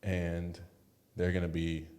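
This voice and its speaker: Relaxed and conversational, a podcast co-host with a very deep voice talks slowly in casual chat. He's blunt and easygoing, tossing in swear words offhandedly.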